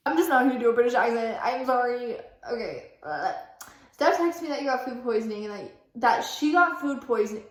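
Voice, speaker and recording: A young woman reading her old fan fiction aloud in a casual vlog. She breaks off with self-mocking asides, corrects her own reading and fills her talk with "like". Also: on the high side. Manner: chatty, fills speech with "like". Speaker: vlogger. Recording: roomy echo.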